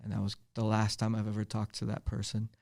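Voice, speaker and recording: Gravelly-voiced man telling his testimony. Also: fairly low pitch, monotone, fast, a little mellow. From Philadelphia, USA. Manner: earnest storyteller who acts out the voices in his quotes. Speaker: podcast guest, evangelist. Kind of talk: personal testimony in casual conversation.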